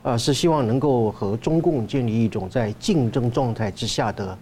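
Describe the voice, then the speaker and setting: A man, a research fellow guest on a talk show, who speaks in a measured way with frequent hesitation fillers. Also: mid-range voice, warm tone, a little hiss or hum.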